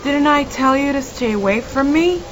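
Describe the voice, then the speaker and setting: A woman's voice: medium pitch, sing-song, measured pace, background noise. A woman voicing a big, haughty gray cloud in a storybook, speaking in a stern, dismissive way. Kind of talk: storybook character voice.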